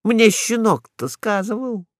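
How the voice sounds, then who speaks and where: A sly, cheeky stray lady dog, put on by a male reader, talks in a raised, singsong voice that climbs and falls a lot. She sounds coy and innocent. The voice is dry and close, with a gravelly edge. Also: sits high, lively intonation, takes it slowly, no room sound, pitched above the performer's own voice.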